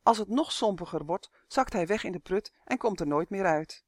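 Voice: mid-range voice, expressive, normal speed, no room sound, clean studio sound. A storyteller voicing a tired young boy who teases his friend in a children's audiobook. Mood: urgent. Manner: teasing.

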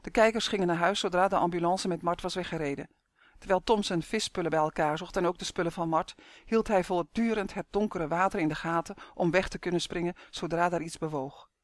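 Calm audiobook narrator, dry sound. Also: mid-range voice, fairly quick, dry recording. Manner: calm, even storytelling.

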